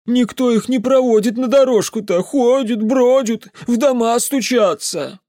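Casting: hoarse drunk old peasant, weepy and wailing, shrill and loud, dry studio sound. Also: male voice, measured pace, no echo. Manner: wailing, tearful rustic speech.

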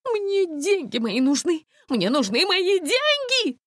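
A woman voicing a shrill, hysterical young female passenger who screeches and whines. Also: very animated, slow, a bit bright, no echo, studio quality, full character voice. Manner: screeching, whiny.

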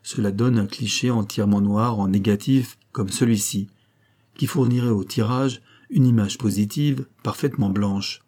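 A man voicing a calm, methodical male police detective in an audiobook, with a measured, explanatory delivery. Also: lowish voice, natural voice. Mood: explaining. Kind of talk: audiobook character reading.

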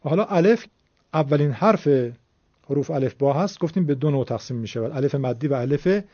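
A man's voice: fairly high pitch, darkish tone, dry recording, lo-fi sound. A man teaching Quran recitation, explaining patiently and formally step by step. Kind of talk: classroom-style explanation.

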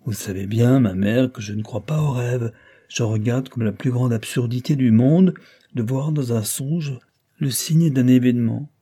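A man reading aloud voices a sensible young woman who speaks briskly and dismissively to her mother. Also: mid-range voice, warm tone, natural voice. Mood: brisk, questioning.

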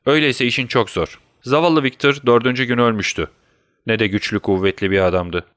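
A man's voice: mid-range voice, steady tone, fairly quick, fairly bright tone, no room sound, studio quality, natural voice. A man voicing a sly, gloating doctor villain in an audiobook, mocking and taunting his victim. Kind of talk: audiobook character voice.

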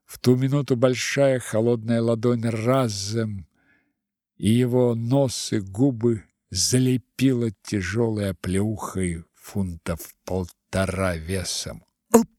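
A man narrating a literary audiobook in a measured, expressive way. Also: lowish voice, dry recording, clean studio sound.

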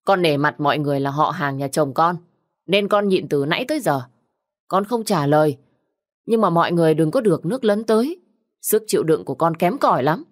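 A woman's voice: low-pitched, a little fast, dry recording, studio quality. A woman voicing a fierce young widow who scolds and threatens sharply. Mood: stern.

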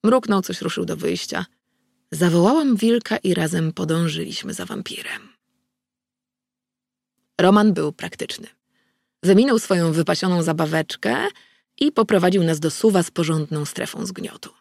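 A female audiobook narrator with a lowish, gravelly voice reads a first-person novel at a steady, measured pace. The recording is close and dry, with no room echo.

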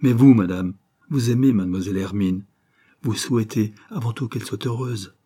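A man voicing a respectful, ardent young suitor in an audiobook of a novel, with a warm and restrained, pleading delivery. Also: on the low side, moderate pace, husky.

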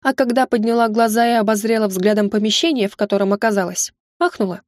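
A woman narrating a first-person fantasy novel in a wry, lively storytelling manner. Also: medium pitch, fast, no room sound, studio quality. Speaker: audiobook narrator.

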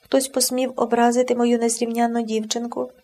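A woman's voice: a little high, level tone, a little fast, mellow. A woman voicing an old, humble housekeeper who dotes on her mistress, in a storybook reading. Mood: doting. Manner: humble, doting. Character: old stout female housekeeper, humble and doting.

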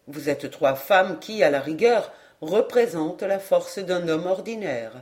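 A woman's voice: on the low side, unhurried. A woman voicing an earnest young son. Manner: steady and earnest.

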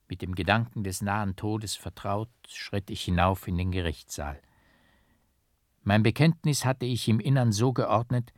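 A man reading a literary novel aloud in a measured, emphatic, rhythmic narration. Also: on the low side, no room sound, clean studio sound. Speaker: audiobook reader.

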